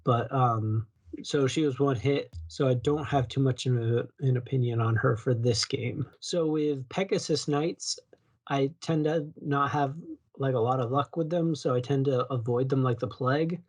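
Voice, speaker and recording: A man co-hosts a casual podcast about video games. His voice sits at a middling pitch, and he rambles loosely, often stopping to restart a sentence. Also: moderate pace, a little mellow. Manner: rambling, self-correcting, loose. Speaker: podcast co-host.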